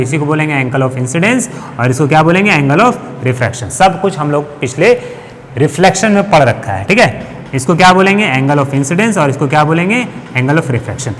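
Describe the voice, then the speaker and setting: A man teaches a physics lesson at a board. He explains step by step, often putting a question to the class and answering it himself. His voice rings in a reverberant room, with a faint hiss underneath. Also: fairly high pitch. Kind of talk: classroom lecture.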